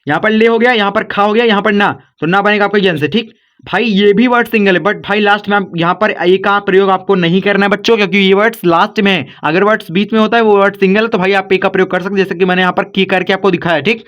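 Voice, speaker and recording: A man runs a casual online spelling lesson, talking to viewers like friends. His voice sits high. The recording is slightly muffled and lo-fi. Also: fairly even intonation, fast talker, a bit bright. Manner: chatty, repeats "bhai" and "guys" to viewers. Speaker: online English teacher.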